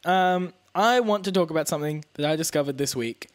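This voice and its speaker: A man's voice: on the high side, a little fast, no echo. A man co-hosting a casual podcast, talking loosely with lots of fillers and frequent laughs. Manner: chatty, laughs often, trails off with fillers. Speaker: podcast co-host. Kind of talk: casual chat.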